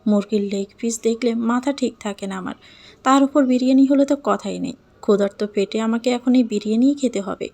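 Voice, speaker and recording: Female storyteller, lively first-person narration, higher pitch. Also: fairly quick.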